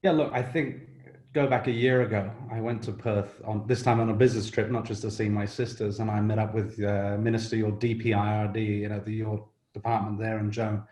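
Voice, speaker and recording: A man's voice: on the low side, little pitch movement, a little fast, dark tone. A man speaking on a business panel, direct and conversational, often saying "you know". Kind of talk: panel discussion answer. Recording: roomy echo.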